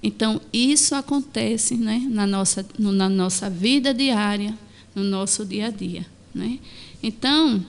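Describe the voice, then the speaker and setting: A woman's voice: medium pitch, measured pace. Woman constantly asking "né?". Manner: tags nearly every phrase with "né?". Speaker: guest speaker. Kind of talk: explaining religious teaching on radio. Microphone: studio microphone.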